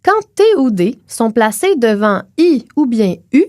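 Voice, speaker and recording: A young woman with a Québécois accent, explaining phonetics on a podcast in a clear, teacherly way, slowing down to model sounds. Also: fairly high pitch, sing-song, darkish tone, dry recording, studio quality. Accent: Québécois French.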